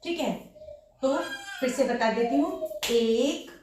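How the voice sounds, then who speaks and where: A slightly hoarse woman teaching dance steps, counting the beats aloud as she demonstrates each move. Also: sits high, huge pitch swings, measured pace, noisy background. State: slightly hoarse sore throat. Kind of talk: step-by-step dance instruction with counting. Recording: very echoey room, voice from a distance.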